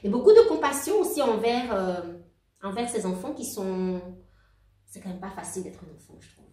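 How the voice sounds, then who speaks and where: A woman in her forties, not from Belgium, shares her life story as a guest in a casual interview, warm and halting, with many restarts and laughs as she circles back over her words. Her voice is mid-range, and she sounds a bit far from the mic in a roomy space, like on a video call.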